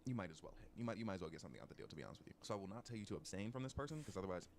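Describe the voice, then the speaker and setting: A man's voice: deep voice, animated, rapid-fire, a little hiss or hum. A man giving joking mock advice in casual chat, with dramatic asides.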